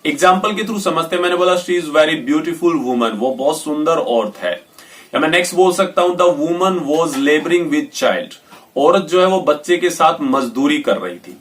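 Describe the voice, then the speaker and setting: A man's voice: on the high side, expressive. Indian man teaching English pronunciation, slightly distant. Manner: slows down and stresses English example sentences. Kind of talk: pronunciation lesson.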